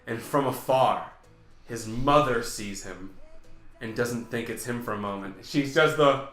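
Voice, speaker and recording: A man's voice: medium pitch, unhurried, a bit bright. A man co-hosting a podcast, chatting casually about films and repeating phrases for emphasis. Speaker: podcast co-host reviewing films. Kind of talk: casual movie review chat. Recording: echoey room, music behind.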